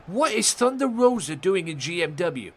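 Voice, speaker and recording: A young man calls the action of a wrestling game on a live stream, swearing freely and addressing his chat viewers directly. His voice sits a little high for a man. His delivery jumps between excited outbursts and offhand asides. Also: normal speed, a little hiss or hum.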